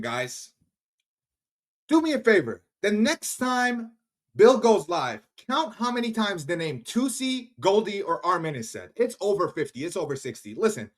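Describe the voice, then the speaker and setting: A man from Iran ranting angrily to his viewers on a live stream, swearing often and talking straight to them. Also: high-pitched. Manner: angry, profane, addresses viewers directly. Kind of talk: heated live-stream rant.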